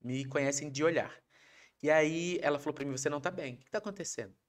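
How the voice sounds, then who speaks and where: A Brazilian man, a podcast guest, telling a personal story in a casual, animated way, acting out his wife's lines. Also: a little high, fast. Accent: Brazilian Portuguese. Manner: animated, acts out quoted voices of his wife.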